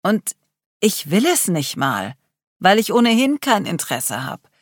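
A man's voice: high-pitched, sing-song, a little slow, no echo, clean studio sound, exaggerated voice. A reader voicing a sarcastic young man who pours out his despair in an audiobook. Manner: raw, increasingly despairing outburst. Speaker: character in an audiobook. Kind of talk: audiobook reading.

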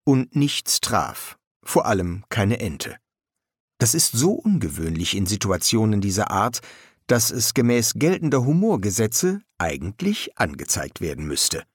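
A man's voice: on the low side, big pitch swings, a little slow, breathy edge, no echo. A man narrating an audiobook in a dry, ironic storytelling manner. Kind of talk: scripted narration.

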